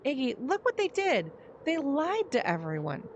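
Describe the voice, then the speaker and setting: A woman's voice: high-pitched, wildly swooping pitch, normal speed, highs cut off, faint music behind, voice pushed up. A woman voicing an earnest, grieving but determined young boy in a video game, sounding plaintive and sincere. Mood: hurt, upset.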